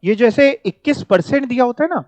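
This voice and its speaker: High-voiced teacher. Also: male voice, animated, fairly quick, darkish tone, no echo. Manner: explains step by step, repeating words and prompting students. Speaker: finance teacher. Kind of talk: classroom lecture. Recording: dull, dry lo-fi recording.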